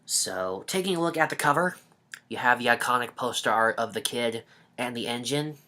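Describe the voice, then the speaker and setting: A man's voice: medium pitch, lively intonation, normal speed, pushed and bright. A young man giving a chatty, rambling video review of a DVD he is fond of.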